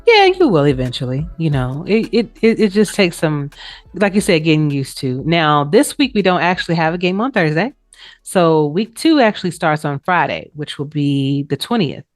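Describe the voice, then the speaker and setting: Very animated despite her deep voice, a woman who co-hosts a sports league show and plays in it gives an informal recap at normal speed. She speaks colloquially, her lines trailing off with "you know." The audio has a roomy echo with music playing behind.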